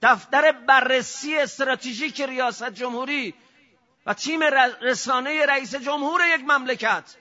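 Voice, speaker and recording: A man, a cleric, giving an impassioned political sermon, firing off rhetorical questions and swinging from shouting to low, intense speech. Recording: dull lo-fi recording.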